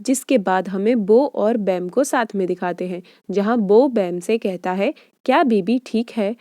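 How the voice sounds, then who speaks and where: A woman's voice: medium pitch, unhurried, warm tone, no room sound. A woman narrating a romance drama recap in a chatty storytelling way, as a close-miked voice-over. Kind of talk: scripted narration.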